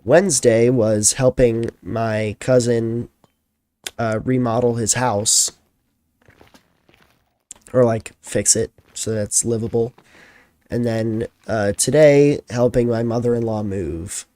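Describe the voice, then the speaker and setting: A man's voice: medium pitch, fairly even intonation, takes it slowly, pauses often, mellow, no echo. A tired young man chatting casually as a streamer, telling a rambling story full of fillers.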